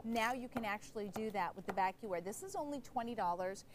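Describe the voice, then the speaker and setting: A woman hosting a home shopping show, giving an emphatic sales pitch that repeats key phrases. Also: lively intonation, brisk, noisy background.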